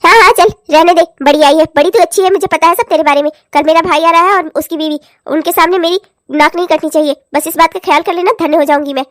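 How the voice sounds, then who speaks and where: A woman's voice: very high voice, fast, few pauses, a bit bright, dry recording, clean studio sound. A woman voicing a bossy, nagging middle-aged mother-in-law in a cartoon, scolding and showing off. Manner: scolding, boastful.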